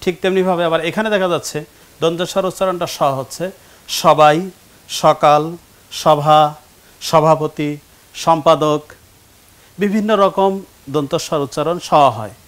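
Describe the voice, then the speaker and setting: A man's voice: on the high side, steady tone, measured pace, pauses often, smooth. A man teaching Quran reading in a studio classroom, patiently drilling pronunciation and quizzing his students. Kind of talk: televised classroom lesson.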